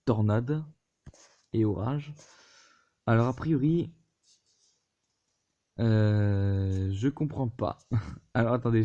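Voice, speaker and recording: A man's voice: lowish voice, mellow. A man hosting a casual weather vlog from his computer, hesitant, with many fillers and restarts. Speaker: weather video host. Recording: dull lo-fi recording.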